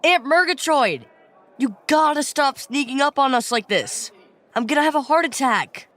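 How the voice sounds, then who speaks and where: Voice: medium pitch, lively intonation, slow pace, a bit bright. An actor voicing a wisecracking teenage schoolboy who grumbles and jokes. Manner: whiny and joking.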